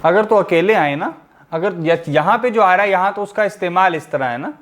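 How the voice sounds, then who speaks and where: A man's voice: sits high, normal speed, a bit bright. A man teaching a grammar lesson over an online class. He explains step by step, asking the class questions and then answering them himself.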